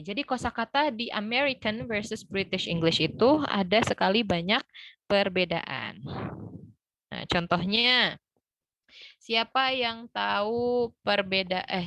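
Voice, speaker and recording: A woman's voice: medium pitch, bright, forceful tone, no room sound. A young woman teaching an online English class, explaining step by step with frequent fillers. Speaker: English tutor.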